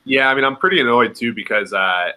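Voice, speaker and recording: A young man co-hosting a podcast, speaking conversationally with hesitant pauses. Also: medium pitch, pushed and bright, clear, resonant tone, poor audio. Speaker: podcast co-host. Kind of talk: casual chat.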